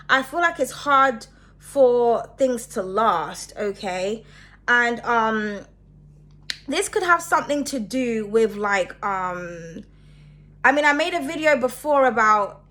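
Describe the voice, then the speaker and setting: A young woman with a fairly high, slightly bright voice hosts her own channel, speaking alone to camera in a casual, rambling way. She's sniffly from hay fever and chatty, often ending her points with "okay?"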